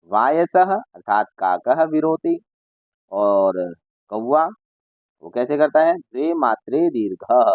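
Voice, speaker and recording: A man teaching a Sanskrit school lesson at a slow, unhurried pace, talking straight to the children. He reads each Sanskrit line aloud, then explains it in Hindi. The sound is dry and a little dull, close to the mic. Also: medium pitch, no room sound. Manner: addresses children directly and imitates bird calls.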